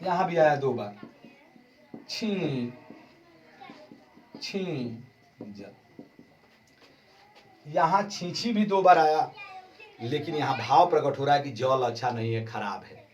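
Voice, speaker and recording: Slow, explanatory male Hindi teacher. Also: medium pitch, recorded from a distance, muffled recording. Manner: slow, explanatory, stretches key terms. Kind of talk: exam-prep grammar lesson.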